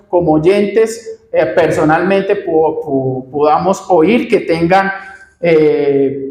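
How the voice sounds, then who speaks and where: A man's voice: sits high, a little mellow. A Colombian man preaching a sermon, repeating phrases for emphasis and often calling out to his beloved brothers. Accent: Colombian Spanish. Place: church sanctuary. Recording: echoey church room.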